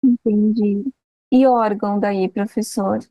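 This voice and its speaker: Woman student, mellow voice. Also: medium pitch, fairly even intonation, takes it slowly, no echo, lo-fi sound. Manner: brief replies and acknowledgements. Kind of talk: asking questions in a tutoring session.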